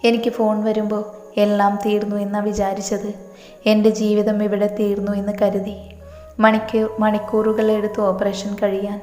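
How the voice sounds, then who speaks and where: A woman voicing a gentle, anxious young husband in a soft, earnest tone. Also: medium pitch, completely flat delivery, normal speed, natural voice. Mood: tender. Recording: echoey room, long reverb, soft music.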